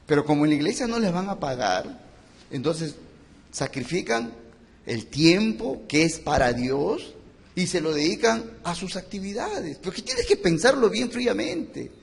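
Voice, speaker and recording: A man's voice: sits high, very animated, unhurried, vocal fry, in a large hall. A man preaching a sermon as a pastor, impassioned and repeating phrases for emphasis. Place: church.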